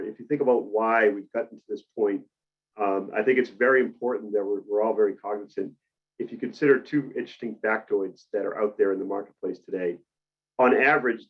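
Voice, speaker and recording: A man with a Boston accent presenting on a webinar, measured and explanatory, with frequent uhs. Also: on the low side, dull audio. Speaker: industry presenter. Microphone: video call mic.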